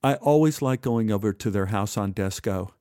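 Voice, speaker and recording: A man's voice: on the low side, normal speed, warm tone, clear, resonant tone, dry recording, clean studio sound. A man narrating his own memoir in a wry, conversational way. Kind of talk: storytelling narration.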